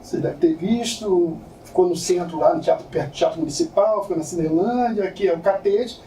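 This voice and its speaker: A man tells stories in an informal lecture, casual and slangy as he speaks to the room. His voice is mellow and sits back from the microphone. The lecture room rings with echo, and faint ambient noise sits underneath. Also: high voice, a little fast. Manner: casual, slangy, animated storytelling to an audience. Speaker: lecturer and photographer. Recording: echoey room from far off.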